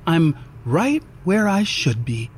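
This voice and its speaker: Quiet little boy, man doing it, soft short answers, slow. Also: on the high side, big pitch swings, slightly rough, full character voice. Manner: soft-spoken, brief answers. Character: quiet young boy, calm, playful.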